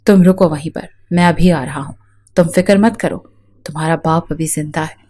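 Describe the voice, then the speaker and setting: A woman's voice: sits low, mellow. A woman voicing a protective middle-aged father who speaks firmly and consolingly to his daughter. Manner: firm, consoling.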